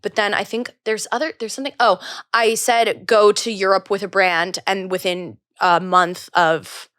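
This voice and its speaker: An excitable young woman chats casually as a podcast guest, gasping and acting out what people said. Her voice sits at an ordinary pitch. The recording is close and dry. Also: normal speed, no room sound. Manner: excitable, gasps and acts out quotes, many fillers. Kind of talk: casual chat.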